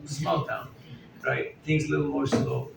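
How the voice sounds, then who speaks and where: Unhurried and creaky, this man's medium-pitched voice swoops wildly up and down. A spiritual teacher at a festival gathering, he preaches in a relaxed, chatty way to a live audience in an indoor hall, joking and asking questions, recorded far off with echo and faint room noise.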